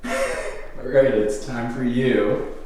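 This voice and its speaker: A man's voice: mid-range voice, huge pitch swings, drawn-out words. A man chatting casually as a co-host, giving prompts from the side. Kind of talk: casual chat. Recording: very echoey room, clear background noise.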